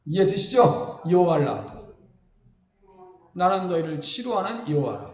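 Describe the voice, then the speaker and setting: A male pastor from South Korea preaching a folksy, animated sermon, throwing questions at the congregation and acting out the people in his stories. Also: high voice, unhurried. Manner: acts out quoted speakers in lively voices. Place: church sanctuary. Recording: echoey hall with long reverb.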